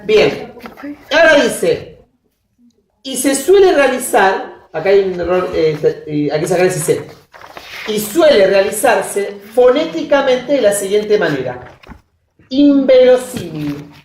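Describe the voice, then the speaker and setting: A woman lectures at an unhurried pace, stopping often to quiz her students. Her voice comes from across a classroom, picked up by a distant recorder with plenty of room echo. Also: medium pitch, big pitch swings, a little mellow, slight background noise. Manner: keeps checking understanding with quick questions to students. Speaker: linguistics lecturer. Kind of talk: university lecture. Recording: roomy classroom audio from a distance.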